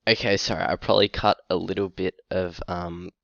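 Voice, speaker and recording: A sick man, short of breath and coughing, talking to camera in a halting, casual way with many ums and uhs. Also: low voice, fairly even intonation, vocal fry, fairly bright tone, no room sound, highs cut off. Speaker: fantasy football YouTuber.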